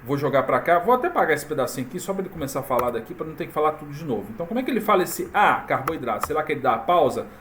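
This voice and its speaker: A man walking viewers through a software tutorial in a casual, chatty way, full of fillers and tag questions. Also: on the high side, big pitch swings, very fast, few pauses, a little hiss or hum. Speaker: tutorial presenter. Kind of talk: casual screen-recorded tutorial.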